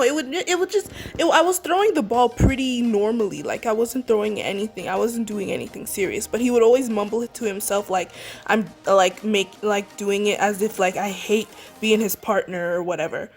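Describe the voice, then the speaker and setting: A young woman, a beauty vlogger, telling a story in a casual, rambling way, filling it with "like" and restarts. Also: medium pitch. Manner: rambling, heavy use of 'like', many restarts. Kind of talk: casual storytime while doing makeup.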